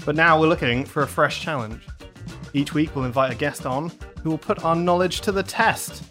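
A man's voice: on the high side, normal speed, fairly bright tone, soft background music. A man hosting a podcast in casual chat, laughing often and tripping over his words. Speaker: podcast host.

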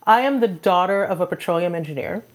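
Woman from Trinidad and Tobago, lowish voice. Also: fast. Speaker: author and coach, podcast guest. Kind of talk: casual interview answers.

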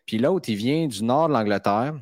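A man's voice: mid-range voice, expressive, normal speed, darkish tone, no room sound, clean studio sound. A man with a Québécois accent hosting a casual podcast interview, chatty, with frequent stumbling restarts. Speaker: podcast host.

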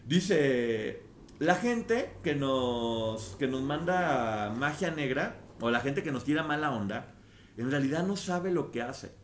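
A man's voice: mid-range voice, lively intonation, slow, a little hiss or hum. Earnest man in an echoey room. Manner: earnest, explaining with examples. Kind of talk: casual book discussion. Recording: roomy echo with faint ambience.

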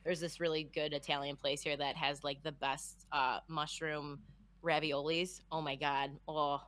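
A woman's voice: low voice, flat delivery, unhurried, a bit bright. A woman of about thirty chatting on a podcast, earnest and joking. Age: 30s. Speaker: co-host. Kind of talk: casual podcast chat.

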